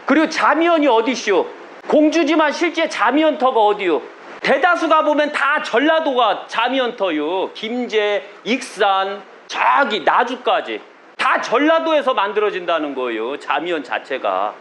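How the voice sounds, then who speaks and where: A man's voice: sits high, fairly bright tone, slight background noise. A man with a Chungcheong Korean accent, a religious leader giving a blunt sermon to his followers, often asking rhetorical questions.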